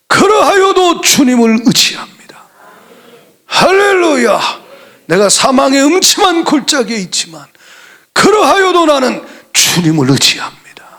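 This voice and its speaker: A man preaches with a high-pitched voice that carries a gravelly fry at its edges. His sermon rises to loud exclamations and then drops to near-whispers. He sounds like a pastor at the pulpit of a church. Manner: impassioned preaching, swings from shouted exclamations to hushed whispers. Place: church sanctuary.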